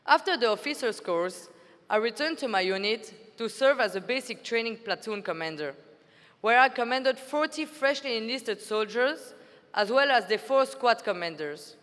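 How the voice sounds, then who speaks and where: Reading from a prepared text, the young Belgian officer addresses a conference with earnest formality, her fairly high, fairly bright voice carrying lively intonation at normal speed. Reverb from the large hall's PA colors the sound.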